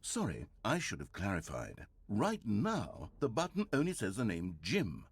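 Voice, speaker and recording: A man voicing a smug, mock-earnest narrator in a video game, with a slightly husky voice. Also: on the low side, unhurried, heavily acted. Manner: dry, mock-earnest, swings into exaggerated excitement.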